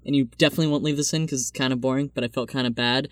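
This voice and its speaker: A man's voice: medium pitch, fairly even intonation, racing, slight background noise. A man co-hosting a podcast, telling self-deprecating stories in a rambling, casual way full of fillers. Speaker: podcast co-host.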